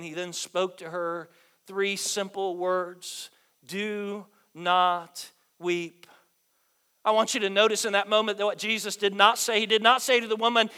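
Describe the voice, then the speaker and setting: High, bright-voiced preaching pastor. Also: male voice, smooth. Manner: preaching with rhetorical questions and a repeated "right?"; swings between loud emphatic lines and hushed low ones. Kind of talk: sermon.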